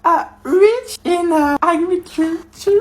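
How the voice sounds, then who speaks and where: A woman playing a nervous schoolgirl who reads English aloud in a halting way, with a heavy French accent. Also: medium pitch, expressive. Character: nervous female pupil reading English aloud.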